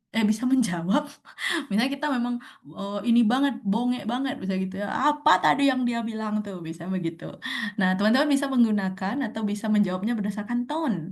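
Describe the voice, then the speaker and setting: A woman's voice: mid-range voice, a little mellow. Young woman, online webinar presenter, chatty with fillers and laughs, recorded on a video call mic. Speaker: speaker at an online sharing session.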